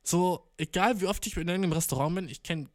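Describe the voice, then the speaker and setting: This young male storyteller speaks fast in a high-pitched voice, recorded in a clean studio with no echo. His casual anecdote is slangy and full of swearing, he tags lines with "ne?", and he acts out the people he quotes.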